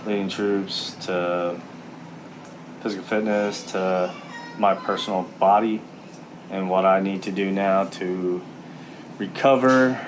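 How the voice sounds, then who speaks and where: A man talking candidly and haltingly in a casual, reflective vlog while out walking. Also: deep voice, steady tone, noisy background. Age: middle-aged. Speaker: vlogger, military serviceman and former Marine. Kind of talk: casual walk-and-talk vlog.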